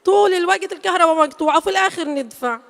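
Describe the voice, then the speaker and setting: An actress with a Gazan Palestinian accent plays a weary, harried mother coping with power cuts. She talks in a quick, emphatic and exasperated way, acting a comedy on a stage. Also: very high voice, vocal fry, a bit bright, full character voice. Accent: Gazan Palestinian Arabic. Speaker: stage actor. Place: theater stage in a large hall. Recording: echoey hall, live stage sound.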